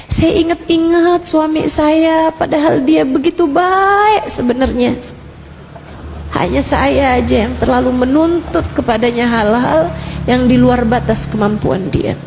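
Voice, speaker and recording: A woman voicing a remorseful young wife, speaking slowly and softly through tears. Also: sits high, creaky, background noise, pitched above the performer's own voice. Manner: slow, soft, tearful delivery. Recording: reverberant hall with music.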